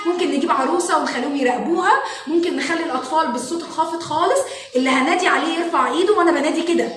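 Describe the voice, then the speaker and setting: An Egyptian woman, a parenting educator and show host, explaining classroom activities to parents in an animated way and acting out what children say. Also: high-pitched, slight background noise. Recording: echoey room, mic at a distance.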